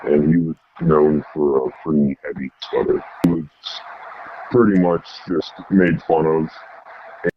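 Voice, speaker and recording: Man with a disguised, very deep altered voice. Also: highs cut off, slight background noise. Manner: halting, repeats words while searching for them. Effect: voice electronically altered to sound very deep. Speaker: former soldier interviewed in a news report. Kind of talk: anonymous news interview.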